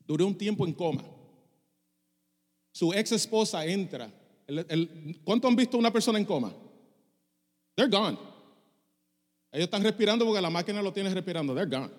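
A man's voice: high voice, animated, a little fast, long reverb tail. A middle-aged male pastor preaching a passionate sermon, dropping English phrases into his Spanish. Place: church sanctuary.

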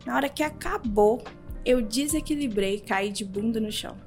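High-voiced woman telling a story. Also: normal speed, soft background music. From Brazil. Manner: animated, acts out quoted dialogue. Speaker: podcast guest. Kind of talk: casual interview storytelling.

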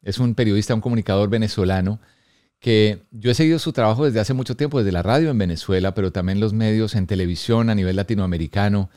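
Chatty low-voiced man hosting an interview. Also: fast talker, no echo, studio quality. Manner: warm, chatty, laughs easily, trails off mid-sentence. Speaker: podcast host. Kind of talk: casual conversational interview.

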